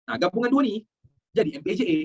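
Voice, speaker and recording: A man's voice: high voice, animated, fast, slightly rough, lo-fi sound. A young Malaysian man teaching a live online history class, jokey and repeating his key points, mixing in English phrases.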